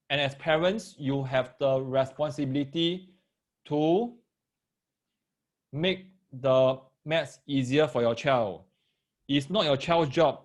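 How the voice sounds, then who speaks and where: A man with a Singaporean accent and Singlish particles, teaching maths in a live online lesson, explaining step by step, repeating phrases and checking that listeners follow. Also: mid-range voice. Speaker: maths tutor teaching parents and children.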